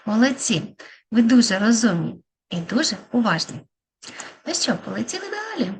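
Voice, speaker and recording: A woman speech therapist giving a lesson to young children, sounding out words slowly syllable by syllable and encouraging them. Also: on the high side, big pitch swings, a little hiss or hum. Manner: slow, syllable-by-syllable, encouraging teacher talk.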